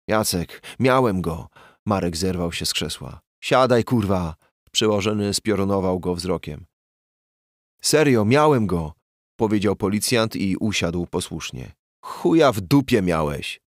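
A man reading a crime audiobook in a steady, measured narration on a close studio mic. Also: sits low, dry recording.

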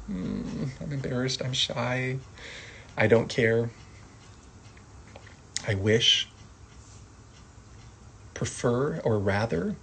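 A man gives a casual lesson at a slow, unhurried pace, his pitch sitting in the middle range. He talks softly and acts out short example phrases. A faint hiss runs under the recording. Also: gravelly. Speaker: sign language teacher.

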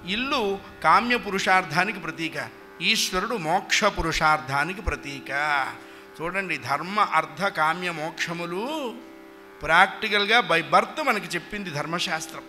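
Bright-voiced male devotional storyteller. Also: sits high. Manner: animated, addresses the audience directly. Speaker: Harikatha storyteller. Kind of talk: devotional musical storytelling with humorous asides. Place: religious hall.

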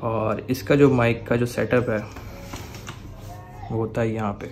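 A young man with a Pakistani Urdu accent explains his motorcycle camera and mic setup at a measured pace, his medium-pitched voice darkish and barely shifting in pitch. Soft music sits in the background of this casual motovlogger tutorial, where he keeps asking "theek hai" to check on the viewer.

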